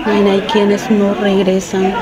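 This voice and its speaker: Speaking in a monotone mid-range voice, a woman in her forties from Honduras pleads earnestly in a street interview, a migrant mother looking for her daughter. She halts and restarts her words, with loud outdoor crowd noise all around.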